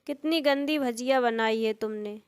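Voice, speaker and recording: A woman voicing a sharp-tongued old mother-in-law who nags and complains, in a storybook tale. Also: a little high, a little slow, smooth, natural voice. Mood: scolding. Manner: scolding, complaining.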